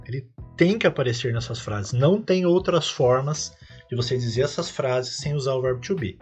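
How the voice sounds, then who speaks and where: A man's voice: medium pitch, moderate pace, a little mellow, slightly rough, faint music behind. A man with a Brazilian Portuguese accent hosting a podcast lesson as an English teacher, explaining patiently step by step and lifting his voice on each English example phrase.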